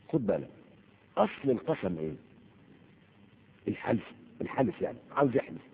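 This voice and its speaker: A man's voice: mid-range voice, very animated, moderate pace, gravelly, slight background noise. A man with an Egyptian accent teaching a grammar lesson, asking the class questions and answering them himself. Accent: Egyptian Arabic. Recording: echoey hall over a tinny, phone-like line.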